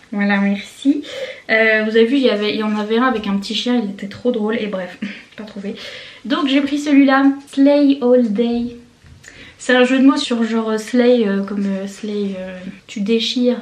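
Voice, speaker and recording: A woman's voice: a little high, a little mellow, echoey room. A young woman chatting to camera at her desk at home, rambling and giggly, with lots of fillers. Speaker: vlogger. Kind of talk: casual chat to camera.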